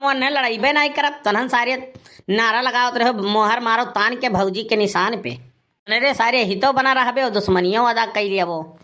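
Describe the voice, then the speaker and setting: Exasperated and sharp-toned, a man voices a boastful, put-upon village husband in an Awadhi cartoon comedy, scolding and grumbling with a rustic eastern Uttar Pradesh accent. He speaks very high-pitched at a moderate pace.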